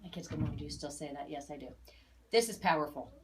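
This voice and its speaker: This aura reader, a woman in her forties, has a slightly low voice and talks fast over some background noise. Her reading for clients is informal and emphatic, full of chatty asides and key phrases repeated for effect.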